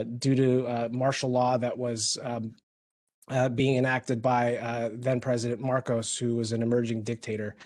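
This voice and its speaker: This Filipino man, a hospital executive, has a medium-pitched, somewhat dark voice captured without echo. He tells colleagues about his own life haltingly, stopping to restart and leaning on lots of filler words.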